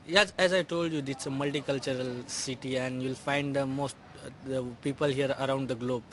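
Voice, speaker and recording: A man's voice: medium pitch, steady tone, moderate pace, fairly bright tone. A man from India answers street interview questions in English. He talks hesitantly and keeps restarting his sentences, with faint city noise around him outdoors. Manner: hesitant, many fillers and restarts.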